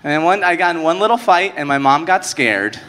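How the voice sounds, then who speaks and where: A man with a slightly high voice telling a funny personal story on stage. He delivers punchy jokes to a live audience. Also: animated, brisk, bright, forceful tone, a little hiss or hum. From United States. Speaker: comedian.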